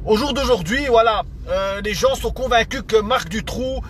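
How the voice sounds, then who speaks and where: A Belgian man with a high voice and a Belgian French accent rants to camera as a vlogger, giving his casual opinions to viewers. He has Italian heritage, though it isn't stated as his first language. His tone is fairly bright and his pace moderate; he's earnest, stammers, repeats words and leans on fillers, with slight background noise.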